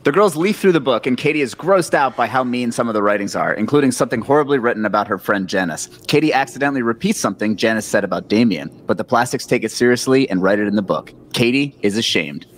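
Man reading stage directions deadpan. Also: medium pitch, fast talker, few pauses. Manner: dry narration, breaking into laughs. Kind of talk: comedic script reading.

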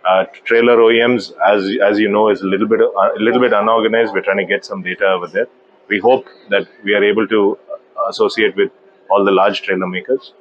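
A man in his thirties, a company managing director, giving a trade-show business interview in a measured, hesitant way with many fillers. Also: on the low side, steady tone, highs cut off, a little hiss or hum. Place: indoor exhibition booth.

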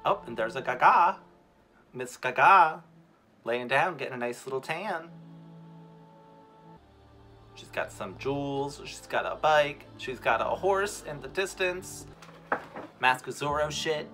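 A man's voice: mid-range voice, lively intonation, takes it slowly, pauses often, pushed and bright. A young man, a drag queen host, giving casual reaction commentary in a campy, effusive manner full of exclamations. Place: indoor room set with sequin curtain. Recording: music playing behind the voice. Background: music.

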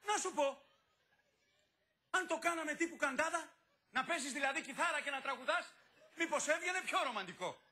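An actor playing an exasperated, patronizing friend who keeps brushing off a clumsy lover, in an old film comedy. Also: male voice, very high voice, animated, pauses often, pushed and bright, heavily acted. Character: exasperated, patronizing adult male advisor. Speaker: friend giving advice.

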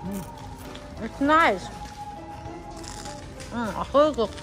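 A woman with a high voice vlogs from a market, talking very slowly and giggling often. She chats casually and switches languages. Music plays behind her. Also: lively intonation. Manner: giggly, chatty, mixes languages. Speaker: vlogger. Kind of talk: casual travel vlog chat. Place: outdoor market and noodle workshop. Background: background music.

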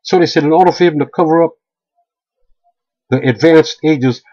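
The dull, lo-fi webcam audio catches a middle-aged video blogger venting heatedly at close range from a small room. He speaks at a normal speed in a slightly high, darkish voice, stammering and restarting repeatedly.

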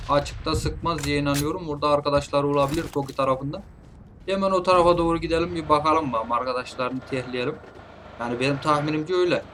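A man commentating his own mobile shooter gameplay, playfully taunting opponents and calling them nephew, with bursts of loud shouting. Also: fairly high pitch, background noise. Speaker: gameplay streamer. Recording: game gunfire loud behind voice. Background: gunshots and clicks from the game.

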